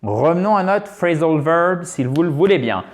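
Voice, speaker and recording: A man teaching English to French speakers in an online lesson. He explains patiently, step by step, repeats words slowly to model pronunciation, and addresses viewers directly as friends. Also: on the high side, lively intonation.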